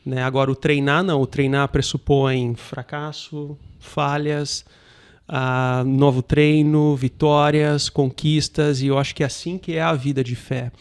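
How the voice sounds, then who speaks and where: A man from Brazil, a pastor explaining ideas in a measured way and asking rhetorical questions. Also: fairly high pitch, flat delivery, smooth. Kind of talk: casual chat.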